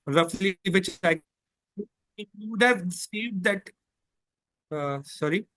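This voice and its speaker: A male lawyer with an Indian English accent explains things in a measured way, using "basically" a lot, while his video call audio glitches and cuts out. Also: high voice, pushed and bright, no echo, low-quality recording. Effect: glitching, cutting-out call audio.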